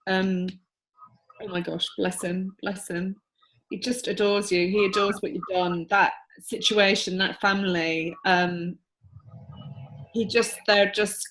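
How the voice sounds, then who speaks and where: A woman's voice: medium pitch, flat delivery, unhurried, a bit bright, low-quality recording. A woman working as a psychic medium, relaying messages in a reading. She talks in an earnest, emotional, chatty way with many restarts.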